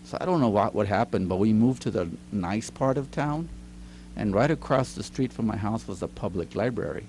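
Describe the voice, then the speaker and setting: In a recording studio with slight background noise, a middle-aged man who teaches and writes tells stories as an interview guest. His lowish, darkish voice is animated and moderately paced, and he chats freely, laughing a lot and performing the lines he quotes.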